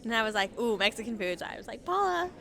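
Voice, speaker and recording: A woman's voice: on the high side, fast. Chatty woman in a reverberant field recording. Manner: chatty, animated, quotes herself. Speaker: event guest.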